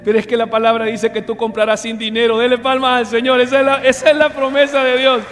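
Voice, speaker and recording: High-voiced pastor preaching. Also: male voice, level tone, quick pace, a bit bright. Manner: storytelling, acts out dialogue, calls to congregation. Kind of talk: sermon with personal testimony. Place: church hall. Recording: reverberant church hall with music.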